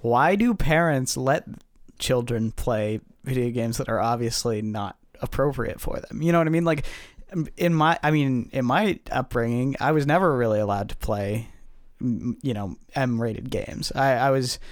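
Halting young man in podcast chat. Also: mid-range voice, no echo, studio quality. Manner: halting, repeats words, many fillers. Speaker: podcast co-host. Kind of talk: casual discussion.

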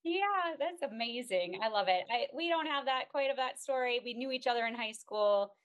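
A woman's voice: fairly high pitch, expressive, moderate pace, muffled recording. A woman hosting a podcast, chatting casually and enthusiastically with a guest. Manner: upbeat, enthusiastic, affirming. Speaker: podcast host. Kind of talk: casual interview chat.

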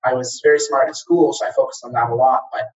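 Talking quickly in a flat, mid-range voice, a former franchise operator from Egypt who grew up in Kuwait describes his early career as an interview guest. His conversational account is hesitant and full of fillers and restarts, and the sound is distant, dull, and lo-fi.

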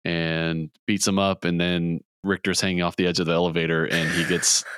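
A man hosting a podcast, casually retelling a movie plot with quick voiced quotes. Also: sits low, little pitch movement, a bit bright, smooth, dry recording, clean studio sound. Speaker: podcast host. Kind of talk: casual movie recap chat.

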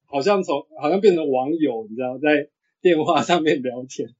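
A man in his thirties with a husky voice, chatting casually as a sports podcast guest. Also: fairly high pitch, normal speed, darkish tone. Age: 30s. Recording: dull, lo-fi audio.

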